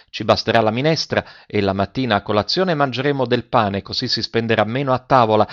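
A man's voice: mid-range voice, natural voice. A man voicing an earnest, determined young girl pleading with her mother, in a slightly dull recording. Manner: resolute, pleading.

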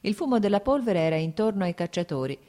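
A woman reading a classic novel aloud as an audiobook, steady and measured. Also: mid-range voice. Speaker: audiobook narrator.

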